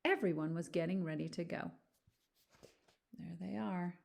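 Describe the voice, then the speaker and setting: A woman teacher with a fairly low, gravelly voice reads a picture book aloud a little slowly, animated and putting questions to her young listeners. She adds chatty asides as she goes through the children's storybook.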